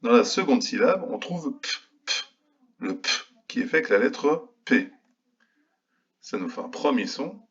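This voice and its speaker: A male kindergarten teacher giving a remote phonics lesson to young children, slowly and patiently sounding out each letter. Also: a little high, very animated, breathy edge, lo-fi sound.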